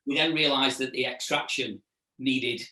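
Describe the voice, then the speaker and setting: A man's voice: mid-range voice, steady tone, bright, forceful tone. Man, echoey and distant. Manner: halting, repeats words as he recalls. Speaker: restaurant owner and chef, interview guest. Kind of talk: casual interview chat, reminiscing. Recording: echoey room, distant mic.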